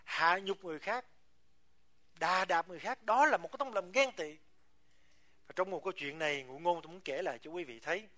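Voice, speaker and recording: A man's voice: high voice, brisk, long pauses, bright, forceful tone. A man preaching a sermon to his congregation, emphatic and full of rhetorical questions. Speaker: pastor.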